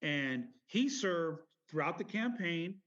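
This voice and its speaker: A middle-aged man telling personal stories in an interview in a halting, meandering, self-correcting way. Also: on the high side, lively intonation, fairly bright tone. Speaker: military veteran interviewee. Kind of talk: rambling personal storytelling interview. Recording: dull lo-fi audio.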